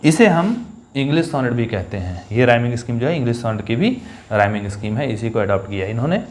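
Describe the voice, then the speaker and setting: A man teaching an English poetry lesson for exams, explaining step by step and reading verse lines slowly, one syllable at a time. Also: mid-range voice, animated, darkish tone. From India. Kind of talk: exam-focused poetry lesson.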